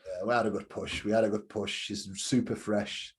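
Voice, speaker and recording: A man's voice: fairly low pitch, fairly even intonation, normal speed, husky. A man in his twenties, a guest on a podcast, talking casually and repeating phrases for emphasis. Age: 20s. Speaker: podcast guest and bodybuilding coach.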